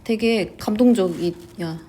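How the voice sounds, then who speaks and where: A woman's voice: mid-range voice, slow, warm tone, slight background noise. A young woman teaching a literature lesson, chatty and full of filler words. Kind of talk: high school literature lesson.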